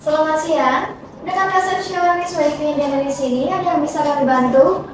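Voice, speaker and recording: A very echoey, distant recording with clear background noise. A woman acts out a female customer service receptionist in an amateur role-play, high-voiced, formal, courteous and apologetic in her scripted phone manner. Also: moderate pace, natural voice. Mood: polite, apologetic. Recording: very echoey, distant, noisy room.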